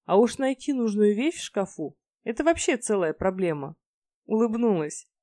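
A woman narrating a first-person fantasy romance audiobook in a wry, lively storytelling manner. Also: mid-range voice, normal speed, no room sound.

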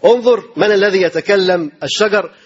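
A man's voice: high-pitched, brisk, slightly rough, dull audio. A man with an Egyptian accent preaching a sermon, firing off rhetorical questions and repeating his phrases for emphasis.

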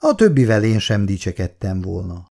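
A calm, dutiful grown son, read by a man close to his own voice, reassuring and kind. The voice is low, dark and gravelly, with a lively pitch. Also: exaggerated voice.

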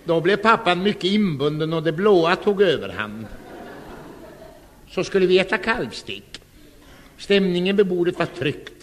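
Wry, deadpan man in his fifties. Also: high-pitched, pauses often, big-room sound, slight background noise. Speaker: comic monologist. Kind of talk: scripted comic monologue.

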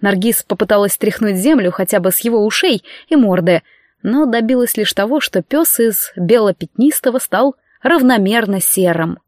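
A woman narrates a romantic novel aloud, calm and expressive. Her mid-range voice sounds close and dry, with no room around it. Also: medium pitch, moderate pace, no room sound. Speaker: audiobook narrator. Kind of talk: scripted narration.

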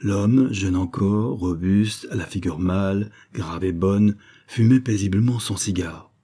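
A man reading an audiobook as narrator in a measured, softly expressive way. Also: low-pitched, breathy edge.

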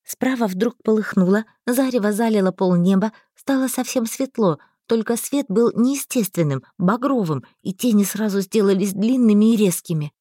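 A woman narrating a first-person fantasy novel in a lively storytelling manner. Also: medium pitch, normal speed, hardly any pauses, dry recording, clean studio sound. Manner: lively storytelling, voicing every figure. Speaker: audiobook narrator.

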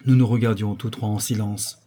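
Husky-voiced male audiobook narrator. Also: fairly low pitch, little pitch movement, normal speed, warm tone.

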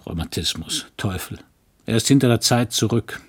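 Low voice, husky, a man doing a practical, fussy country doctor, audiobook. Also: lively intonation, moderate pace. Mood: grumbling. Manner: mildly grumbling, fussy, practical. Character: good-natured small-town doctor husband, fussy. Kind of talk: audiobook character voice.

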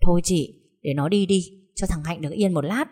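Woman voicing a calm, soothing younger sister. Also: on the low side, brisk, husky. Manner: soothing, gentle.

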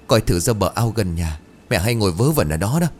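A man's voice: fairly low pitch, expressive, brisk, slight background noise, close to an everyday voice. A man voicing a frightened young daughter-in-law in a told ghost story, wailing and pleading as she searches for someone. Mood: panicked.

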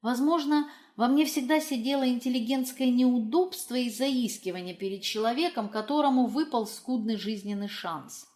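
A woman's voice: on the high side, moderate pace, few pauses, darkish tone, close to an everyday voice. A woman reading the part of an educated young woman who confides in a friend in a wry, self-mocking way, for an audiobook. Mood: confiding.

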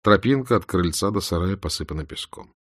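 A man calmly narrating an audiobook in a measured way. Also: low voice, no room sound, clean studio sound. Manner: calm, measured. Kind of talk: scripted narration.

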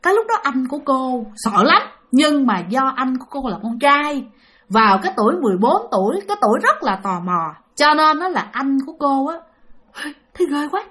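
Dramatic high-voiced woman telling a ghost story. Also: sing-song, bright, forceful tone. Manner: dramatic, speeds up and slows down, addresses listeners directly. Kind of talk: spoken ghost story told to an audience.

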